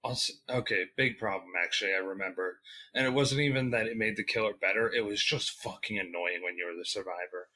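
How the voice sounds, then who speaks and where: A man's voice: lowish voice, a little fast, few pauses, bright, forceful tone, low-quality recording. A man co-hosting a gaming podcast, complaining in casual chat, swearing and acting out his reactions. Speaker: podcast co-host.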